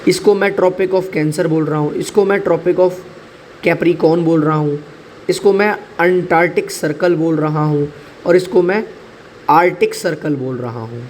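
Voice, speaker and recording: A man's voice: a little high, unhurried, slight background noise. A man teaching exam current affairs in a chatty way, mixing in English and repeating key points for his students.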